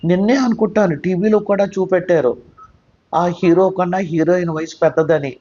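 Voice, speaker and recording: A woman's voice: on the low side, normal speed, mellow, natural voice. A man voicing an anxious, tearful middle-aged mother who pleads with worry, in a slightly muffled recording. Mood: pleading. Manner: pleading, worried.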